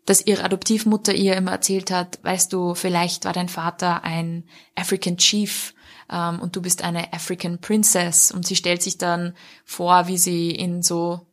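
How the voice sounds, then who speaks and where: A woman's voice: fairly low pitch, little pitch movement, unhurried. A woman discussing a book in a conversational review, fluent and explanatory, with occasional fillers.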